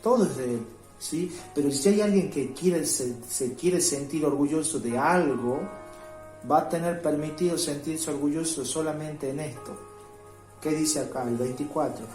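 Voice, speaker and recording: A man preaching a home devotional sermon. He reads scripture slowly and keeps checking in with his listeners by asking "¿sí?". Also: fairly high pitch, darkish tone. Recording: roomy echo with faint music.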